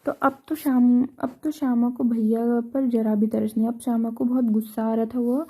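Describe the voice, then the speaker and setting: A woman's voice: a little high, steady tone, normal speed, dark tone, husky. A woman teacher retelling and explaining a school textbook story in Hindi, often restarting and checking in with "ठीक है". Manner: retells each line then explains it, many restarts and "ठीक है".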